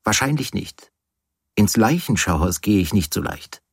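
A brisk young woman who teases her friends bluntly, as a male reader puts her on in a storybook reading. The voice sits a little higher than the reader's own deep tone, with a husky edge and a dry, close sound. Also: lively intonation, no echo, full character voice. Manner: teasing, blunt.

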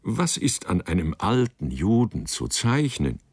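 A man's voice: lowish voice, very animated, measured pace, slightly rough, dry recording, voice pushed up, full character voice. A man voicing a humble, bewildered old glazier who speaks in a plaintive tone.

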